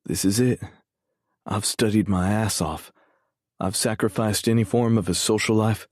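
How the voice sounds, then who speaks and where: A man narrating a first-person romance audiobook in a measured, brooding way, swearing freely. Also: lowish voice, fairly even intonation, darkish tone, no echo, studio quality.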